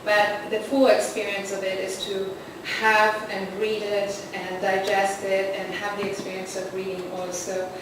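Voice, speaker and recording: A woman hosting a poetry reading and slideshow, introducing the evening in an earnest, somewhat rambling way. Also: mid-range voice. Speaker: host and anthology editor. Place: literary arts center event hall. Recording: roomy, distant, noisy hall recording.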